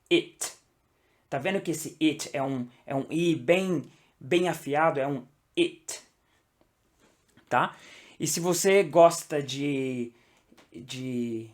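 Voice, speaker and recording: Man giving a chatty language lesson. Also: on the high side. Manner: keeps checking in with "tá?" and "entendeu?"; slows down to model English sounds. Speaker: English teacher. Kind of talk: casual online language lesson.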